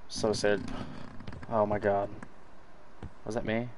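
A man's voice: lowish voice, level tone, slow, low-quality recording. A young man giving casual, sweary commentary as a scared horror game streamer, jumpy and muttering to himself. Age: young adult. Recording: faint background noise, game ambience.

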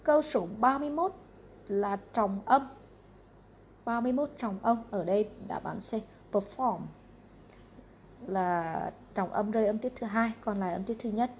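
A Vietnamese-accented woman, working as an English teacher, briskly runs through exam answers one question at a time in a matter-of-fact, repetitive way. Her voice is mid-range and slightly mellow, with a faint hiss or hum in the recording.

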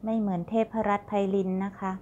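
The middle-aged host of a garden channel narrates a casual tour outdoors, phone in hand, politely describing flowers. She talks fast in a mid-range, level, slightly mellow voice. The recording is dull and lo-fi with a faint hum.

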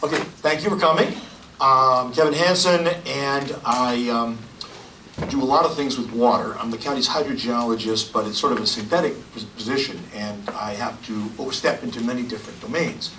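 A man in his forties giving a loud, energetic public science lecture to a room of listeners. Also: medium pitch, moderate pace, noisy background. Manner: loud, energetic, gestures and points at slides. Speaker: county hydrogeologist giving a public talk. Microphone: lapel mic, filmed from the room. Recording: echoey room, voice from far off.

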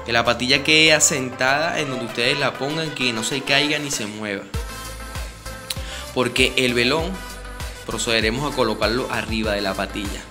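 Man, Venezuelan accent, ritual how-to, repeats instructions, mid-pitched voice, music playing behind. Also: normal speed. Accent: Venezuelan Spanish. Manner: repetitive, directly instructing viewers. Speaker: spiritist ritual guide. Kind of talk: step-by-step ritual demonstration. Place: indoor room with a home altar.

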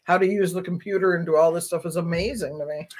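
A man's voice: fairly high pitch, fairly even intonation, fast. A man chatting casually as the co-host of a livestream. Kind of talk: casual chat.

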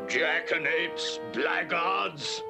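A man's voice: on the high side, extremely slow, creaky, loud music behind the voice, exaggerated voice. A man voicing a stern, fatherly musketeer captain in a cartoon, scolding and commanding in a theatrical way. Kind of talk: 1960s cartoon voice acting.

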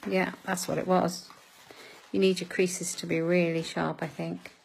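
A woman's voice: fairly low pitch, level tone, measured pace, creaky, slight background noise, poor audio. A woman giving a live craft demonstration, chatting with viewers as she works and laughing at her own fumbles. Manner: chatty, greets viewers by name.

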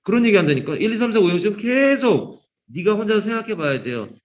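A man with a fairly high voice teaches an English grammar class in a classroom, calling on students by name and slipping in teasing jokes. The sound is dull and lo-fi. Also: sing-song, fast. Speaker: English teacher at a cram school.

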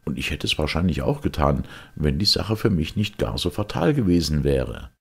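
A man voicing an excitable, gloomy male time traveller in an audiobook, speaking with raised, urgent insistence. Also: a bass voice, normal speed, creaky, breathy edge, pitched above the performer's own voice, full character voice. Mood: agitated. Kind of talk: audiobook character reading.

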